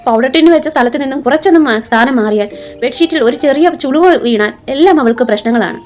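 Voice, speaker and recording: A woman reading a novel aloud in storybook narration, brisk and steady. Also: sits high. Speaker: novel reader.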